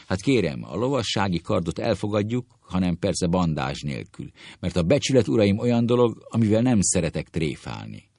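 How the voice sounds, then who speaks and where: A man voicing a pompous, hot-tempered gentleman obsessed with his honor, blustering through a comic quarrel. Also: low voice, sing-song, vocal fry, hardly any pauses, no room sound, studio quality, heavily acted. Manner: blustering, table-pounding outbursts.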